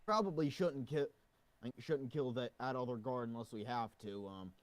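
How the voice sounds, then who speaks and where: A man's voice: mid-range voice, normal speed, no room sound. A man playing a tabletop game, talking casually with frequent restarts and stumbles. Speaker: player.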